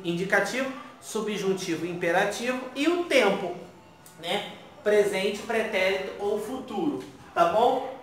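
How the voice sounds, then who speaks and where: A man's voice: high-pitched, a bit bright. A man teaching a grammar lesson, asking the class questions and answering them himself, with frequent check-ins. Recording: echoey room from far off, faint noise.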